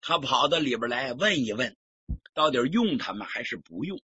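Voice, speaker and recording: A man voicing a cautious army officer who reasons softly and deferentially. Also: mid-range voice, big pitch swings, normal speed, breathy edge, no echo, voice pushed down, heavily acted. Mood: persuasive. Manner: soft, persuasive, deferential. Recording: dull lo-fi recording.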